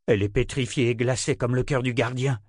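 A man's voice: mid-range voice, fairly even intonation, brisk, dry recording, studio quality, natural voice. A man doing an earnest male village rescuer. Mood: worried.

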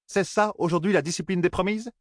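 A man's voice: on the high side, big pitch swings, fairly quick, no room sound, voice pushed up. A man voicing a stern older woman elder who scolds dryly and gives orders, in a fantasy audiobook. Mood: stern, scolding. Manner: dry, scolding and commanding.

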